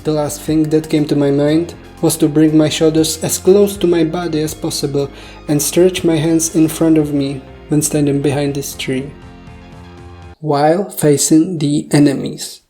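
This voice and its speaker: Low-voiced czech woman telling her dream kinda puzzled and self-mocking, soft music behind. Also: steady tone, unhurried. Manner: self-deprecating, jokey, puzzled asides and mock-serious boasting. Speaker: video storyteller. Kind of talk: casual dream-recounting monologue. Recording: faint background music.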